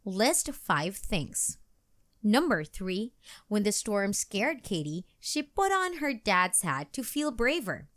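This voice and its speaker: A woman reads a children's book aloud in a slow, unhurried way. Her voice swings widely in a sing-song lilt and sounds bright. She finishes with questions and prompts for young readers. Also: mid-range voice, sing-song. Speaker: storybook reader. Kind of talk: children's read-aloud narration.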